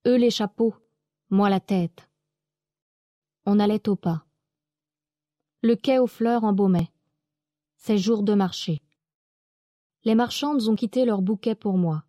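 A woman reading a classic novel aloud in calm, even first-person narration. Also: medium pitch, no echo, clean studio sound.

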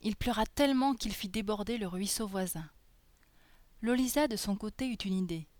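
A woman reading a fairy tale aloud in a soft, gentle storytelling manner. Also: mid-range voice, moderate pace, no echo.

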